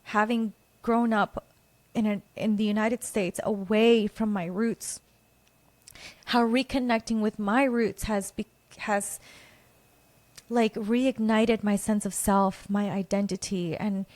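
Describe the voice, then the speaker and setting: A woman's voice: medium pitch, fairly even intonation, slow pace, darkish tone, dry recording. A woman from Guatemala hosting her own podcast, talking in an earnest, reflective and openly personal way. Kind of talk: personal solo monologue.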